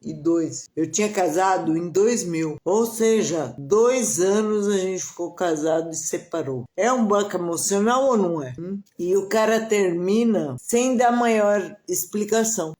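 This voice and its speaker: A woman's voice: unhurried, hardly any pauses. A middle-aged Brazilian woman telling a personal story candidly and expressively during a live stream. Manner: candid and expressive, with pitch swinging up and down as she tells.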